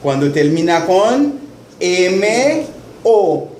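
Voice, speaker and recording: Man, teacher, slow careful speech, slightly high voice, echoey classroom. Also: very animated, a little mellow. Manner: slow, repeats words for students to echo. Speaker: Haitian Creole teacher. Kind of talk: classroom lesson. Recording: echoey classroom with faint noise.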